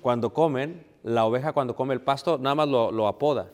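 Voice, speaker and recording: A man's voice: medium pitch, a little fast, darkish tone. A preaching man speaks to his congregation in a mid-range voice, dropping in English asides. His words ring out with the long reverb of a church hall. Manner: preachy, addresses congregation as brothers, mixes English phrases. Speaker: pastor. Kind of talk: sermon.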